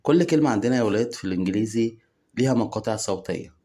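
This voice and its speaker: A man with an Egyptian Arabic accent teaching English vocabulary, saying each word slowly and repeating it before giving its meaning. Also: lowish voice, lively intonation, mellow. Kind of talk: slow, drawn-out lesson with word drills.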